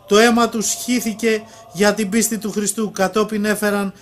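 A man reading a religious prophecy aloud at a steady pace, now and then stumbling and restarting a word. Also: sits high, slight background noise.

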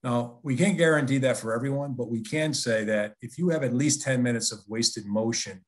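A man's voice: mid-range voice, moderate pace. Persuasive man presenting a business webinar. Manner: conversational, persuasive, with frequent restarts.

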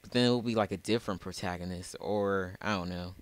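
A man's voice: low voice, fast talker. A man hosting a casual let's play, rambling and often correcting himself. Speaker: gamer, channel host.

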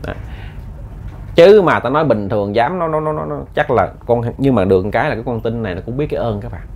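A man's voice: mid-range voice, animated, fast talker, darkish tone, slight background noise. A man telling a ghost story in a folksy, repetitive way, often addressing his listeners.

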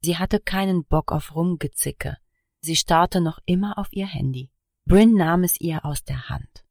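A woman narrating an audiobook in a calm, even reading voice. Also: fairly low pitch, measured pace, no echo, clean studio sound. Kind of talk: scripted narration.

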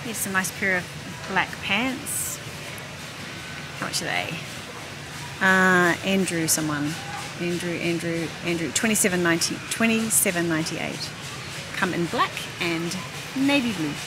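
Her voice is fairly low, a little slow, and full of pauses, caught in a low-quality recording with music in the background. A middle-aged woman vlogs her shopping trip through a busy warehouse store on a handheld phone, chattily thinking aloud, loud store noise behind.

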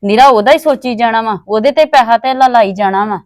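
A woman's voice: a little high, a little fast, no room sound, studio quality, lightly acted. A woman playing a pragmatic, self-interested young married villager in a family drama, blunt and persuasive. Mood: persuasive, exasperated. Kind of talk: acted family drama dialogue.

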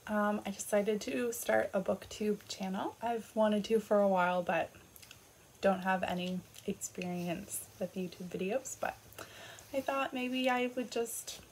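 Against slight background noise, a Canadian woman in her late twenties chats on her book vlog at a somewhat slow pace and medium pitch. She sprinkles in "like" and "um" and frequently laughs at herself.

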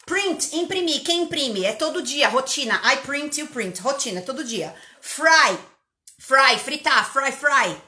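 A woman English teacher with an interior São Paulo accent, giving an energetic live online lesson and drilling words over and over. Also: high voice, measured pace, reverberant. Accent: interior São Paulo Portuguese.

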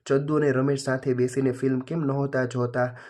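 Man, teacher, reading workbook answers, steady, monotone. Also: mid-range voice. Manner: steady, flat reading with small pauses.

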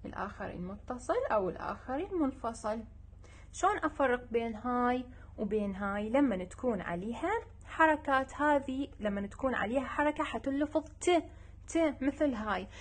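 A young woman with an Iraqi Arabic accent gives a children's lesson. Her voice sits a little high and sounds husky and breathy. She is patient and says each sound slowly, often twice. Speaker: teacher.

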